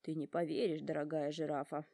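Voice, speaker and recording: A woman's voice: low-pitched, little pitch movement, a little fast, mellow, dry recording, studio quality, voice pushed down. A woman voicing a well-mannered young male elephant in a storybook, polite, earnest and heartfelt. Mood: confiding.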